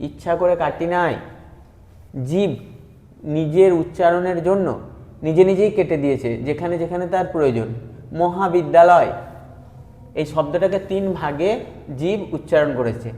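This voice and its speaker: A man's voice: high voice, mellow. A man teaching a patient, step-by-step grammar lesson, spelling words out sound by sound and repeating key points. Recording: echoey room with long reverb.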